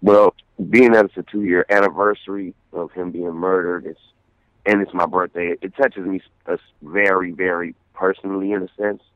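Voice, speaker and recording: A man's voice: deep voice, level tone, moderate pace, no echo. A man from San Francisco, a guest artist, talking earnestly in a casual radio interview, often repeating words as he thinks. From San Francisco, USA. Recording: tinny phone line.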